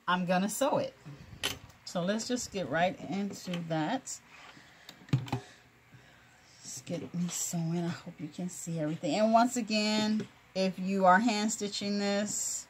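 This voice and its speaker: A woman hosting a casual sewing tutorial, chatty and encouraging, laughing often and filling pauses with "um" and "you know". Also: fairly low pitch, slight background noise. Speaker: crafting video host.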